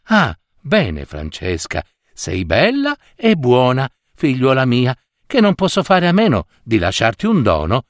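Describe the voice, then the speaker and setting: A man voicing a gentle fairy disguised as an old woman in a storybook reading, calm and unhurried. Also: mid-range voice, no echo, studio quality. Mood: kind.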